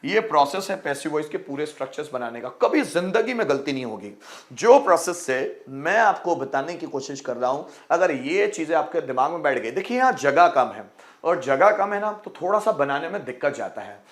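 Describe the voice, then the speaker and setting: A middle-aged man teaching grammar at a board, repeating each rule slowly and answering viewers' questions. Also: on the high side, animated. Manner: repetitive, drills rules slowly. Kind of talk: classroom lesson at a board.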